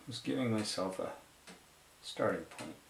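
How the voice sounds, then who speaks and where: Painter talking himself through a demo: low-pitched man, casual and halting, in an echoey room with clatter in the background. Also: expressive, gravelly, heavy background noise. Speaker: watercolor painter demonstrating.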